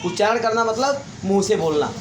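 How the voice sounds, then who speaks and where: A man's voice: sits high, animated, a little fast. A man teaching English grammar to a class, repeating points and quizzing his students. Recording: echoey room, faint hiss.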